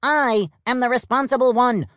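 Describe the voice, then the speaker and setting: A man's voice: very high-pitched, fairly even intonation, normal speed, fairly bright tone, no echo, studio quality, pitched above the performer's own voice. A man voicing a peppy, playful purple peacock in a storybook audiobook, with chirpy, bouncy delivery. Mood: chipper. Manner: chirpy British-style slang, bouncy.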